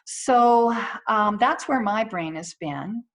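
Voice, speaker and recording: A woman speaking as a chaplain, giving informal, reassuring and gently instructive guidance, often pausing to choose her words. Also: on the high side, lively intonation. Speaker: chaplain giving a weekly wellness tip. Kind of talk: informal spoken guidance on breath prayer and spirituality.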